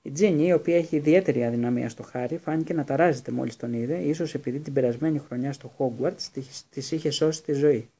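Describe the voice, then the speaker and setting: Husky, mellow male audiobook narrator. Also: mid-range voice, few pauses.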